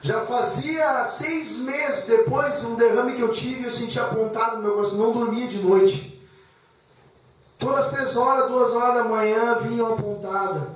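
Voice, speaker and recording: A man's voice: very high voice, moderate pace. A man preaching a sermon with personal testimony, emotional and repetitive, calling the congregation brothers. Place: church hall. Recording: echoey church hall from far off.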